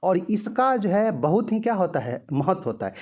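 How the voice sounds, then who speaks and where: A man teaching grammar for an exam-prep class, his voice sitting somewhat high. He peppers his talk with filler phrases, asks questions and answers them himself, and slows to repeat his examples. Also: very animated, darkish tone. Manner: heavy use of filler "jo hai", rhetorical questions answered himself; repeats example sentences slowly.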